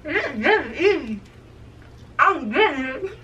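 A young woman with a high, bright voice chats playfully as a host. Her speech is slurred and lisping because her lips are stretched wide open. She is picked up from a distance in a room. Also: big pitch swings, slow, highs cut off. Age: young adult. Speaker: host of a challenge video. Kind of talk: casual playful chat. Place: indoors, small room against a fabric backdrop. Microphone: camera a few steps away. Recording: distant camera mic, faint room noise.

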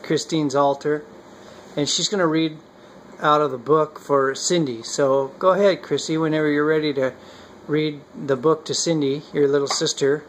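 A man talks softly and encouragingly in a casual home recording. His voice is easy and relaxed. A faint hiss of room noise runs underneath. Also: fairly high pitch, moderate pace, rough recording. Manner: gentle and encouraging.

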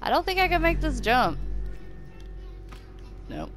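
A woman's voice: high-pitched, huge pitch swings, a little slow, a bit bright, soft background music. A young adult woman giving casual, self-mocking commentary while playing a game at home, swearing often and joking sarcastically. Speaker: gamer playing a horror game. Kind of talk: casual let's play commentary. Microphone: desk microphone.

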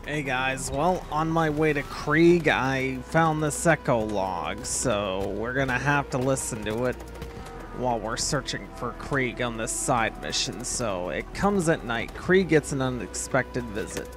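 A man's voice: medium pitch, unhurried. Man casually commentating over game music. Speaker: gaming video host. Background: game music and gunfire.

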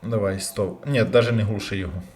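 A man commentating his own gameplay, bursting into loud curses and then dropping to quiet muttering. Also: on the low side, steady tone, slight background noise. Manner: loud outbursts and heavy swearing; jumpy, rapid switches between yelling and muttering. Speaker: let's play gamer.

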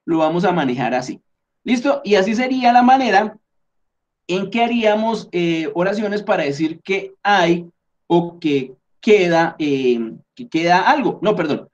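Here a man with a high voice, recorded with lo-fi sound, walks students through English in an online lesson delivered in Spanish. He is patient and methodical, pausing often to check understanding, and he talks through his edits on screen, correcting himself along the way.

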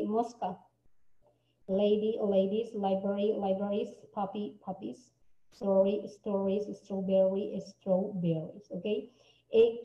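Slow, deliberate woman teacher in an echoey room. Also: medium pitch. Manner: repeats words slowly, checks in with frequent "ok?". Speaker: English teacher. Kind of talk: classroom lesson. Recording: echoey, dull lo-fi recording.

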